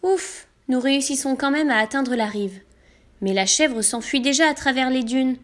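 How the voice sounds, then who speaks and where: A woman reading a children's storybook in the first person, animated and acting out every emotion. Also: high-pitched, moderate pace. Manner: animated, acts out emotions as a girl.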